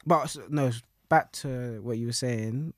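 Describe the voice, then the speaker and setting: A young man with a London roadman accent speaks in a medium-pitched voice with very little room sound. His talk is casual and full of street slang, looping back over phrases as he goes. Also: measured pace, dry recording, studio quality. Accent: London roadman, Multicultural London English. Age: young adult. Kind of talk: casual conversation about music.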